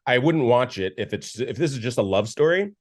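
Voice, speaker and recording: A male podcast co-host reviews a film in a casual, rambling chat full of restarts and filler words. His medium-pitched voice is brisk with lively intonation.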